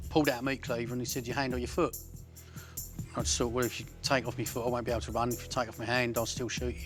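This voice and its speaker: A man's voice: medium pitch, fairly bright tone. A man telling his story in a documentary interview, bluntly and with swearing. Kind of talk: documentary interview recounting events.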